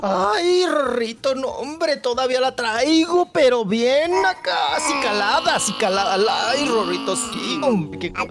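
A man's voice: very high voice, expressive, a little slow, vocal fry, hardly any pauses, loud music behind the voice. A man with a Mexican accent who is a regular on a radio show, telling gossip in a flamboyant, teasing way. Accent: Mexican Spanish. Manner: flamboyant and teasing, calls others "chiquito". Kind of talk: comic gossip chat on radio.

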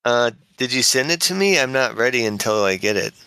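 Bright-sounding guy on a podcast, joking and protesting, talks slow with a lively up and down. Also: mid-range voice, smooth, no echo, rough recording. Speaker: podcast co-host. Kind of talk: casual podcast chat.

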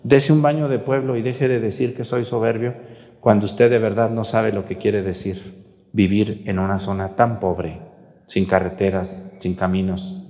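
A man's voice: on the low side, little pitch movement, a little slow, warm tone, roomy sound, long reverb tail. A man with a Mexican accent preaching a sermon during Mass. He scolds the viewers bluntly and asks many rhetorical questions. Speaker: priest.

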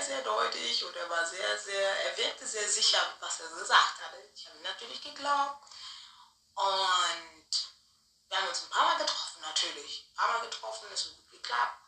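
A woman chats animatedly through a personal story and laughs often. Her voice is sharp and tense, and it sounds roomy and a little off-mic. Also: medium pitch, normal speed, creaky, far from the mic. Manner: chatty, animated, laughs often, tag questions. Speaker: vlogger telling a personal story. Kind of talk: casual storytime chat.

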